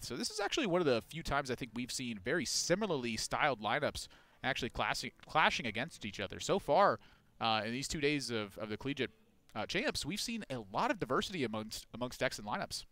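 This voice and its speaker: A young man co-casting a collegiate card game tournament, breaking down deck lineups with quick, joking asides. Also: medium pitch, animated, pushed and bright, no echo. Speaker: esports co-caster. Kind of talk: tournament commentary.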